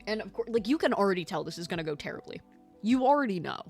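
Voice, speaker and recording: A young woman vlogging a casual episode recap, excitable and rambling, swearing freely. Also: medium pitch, rapid-fire. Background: faint lo-fi background music.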